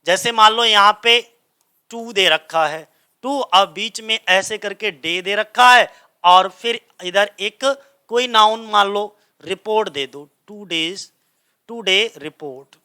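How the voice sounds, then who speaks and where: Guy teaching grammar, high bright voice, asks a question then answers it himself. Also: slow pace, smooth. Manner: repeats questions to the class and answers them himself. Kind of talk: classroom grammar lesson. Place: coaching centre classroom.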